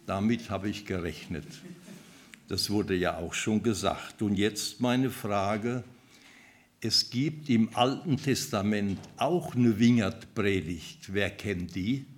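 A man preaching a sermon, reading scripture and putting questions to the congregation in a deliberate way. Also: lowish voice. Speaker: pastor.

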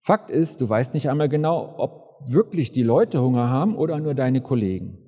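A man's voice: medium pitch, lively intonation, normal speed, mellow. A man telling a story as a preacher, speaking vividly and directly to the listener, in a reverberant hall. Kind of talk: sermon storytelling.

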